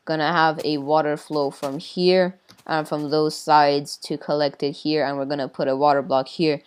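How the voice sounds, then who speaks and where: A woman's voice: low-pitched, flat delivery, moderate pace, smooth. A woman casually explaining a game build, hesitant with many fillers and playful sound effects. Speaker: tutorial builder. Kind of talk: casual game tutorial chat.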